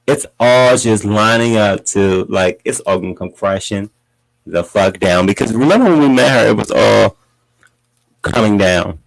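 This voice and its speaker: A man hosting a podcast, giving sassy, dramatic gossip commentary and often jumping into high, mocking voices. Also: unhurried, gravelly, low-quality recording. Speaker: podcast host.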